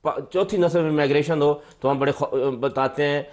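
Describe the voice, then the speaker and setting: A man's voice: fairly high pitch, fairly even intonation, a little mellow. A man, a lawyer appearing as a guest on a political debate show, arguing insistently and cutting in. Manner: argumentative, interrupting, insistent.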